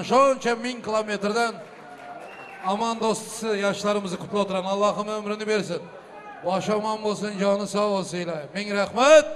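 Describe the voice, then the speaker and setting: A man working as a booming wedding announcer, hosting live and ceremoniously calling out blessings and requests for applause. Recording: live hall with crowd noise. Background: crowd and ambient noise.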